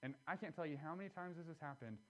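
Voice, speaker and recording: A man preaching a sermon in a church, conversational and earnest, with animated asides. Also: fairly high pitch, quick pace. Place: church sanctuary.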